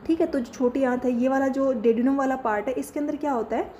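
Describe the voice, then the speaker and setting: A woman's voice: high-pitched, steady tone, quick pace, mellow, slight background noise. A woman teaching a lesson, who keeps asking questions and answering them herself. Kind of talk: classroom lesson.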